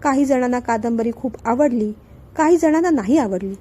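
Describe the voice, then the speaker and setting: A woman storyteller reading a family novel aloud in steady, expressive narration. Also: fairly high pitch, normal speed.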